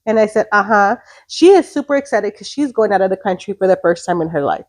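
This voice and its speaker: A woman's voice: medium pitch, animated, quick pace. A woman in her late thirties co-hosting a casual chat podcast, blunt and profane, slipping Spanish words into her English. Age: 30s. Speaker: podcast co-host.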